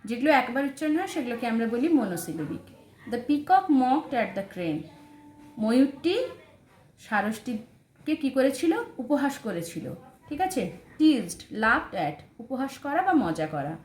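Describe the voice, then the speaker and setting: A woman teaching an English textbook lesson with a Bengali accent, reading English sentences slowly and then translating them. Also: on the high side, big pitch swings. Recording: roomy echo, faint background noise.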